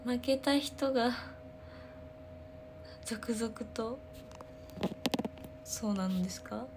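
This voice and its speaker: A woman, chatting casually on a livestream, telling stories excitedly with sound words. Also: on the high side, takes it slowly, noisy background. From Ehime, Japan. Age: 20s. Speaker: idol livestreamer. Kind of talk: casual livestream chat answering comments.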